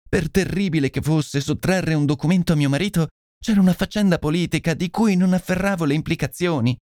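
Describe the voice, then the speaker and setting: A man's voice: on the high side, a little mellow, dry recording, studio quality, pitched above the performer's own voice, natural voice. A man voicing a desperate young noblewoman who pleads and confesses in tears, in an audiobook reading. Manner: pleading, breathless, imploring. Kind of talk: audiobook character voice.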